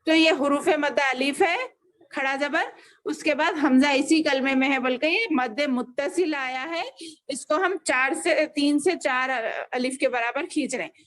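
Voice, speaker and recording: A woman's voice: sits high, moderate pace, a bit bright. A woman teaching a children's Quran class over a video call, patiently spelling out each letter and vowel.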